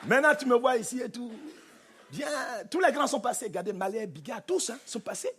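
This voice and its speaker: A man with a Cameroonian French accent performing stand-up comedy on a theatre stage, animated and punchy, mimicking voices. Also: very high voice, a little fast. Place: theatre stage with live audience. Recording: live show with faint crowd and noise. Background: audience laughter.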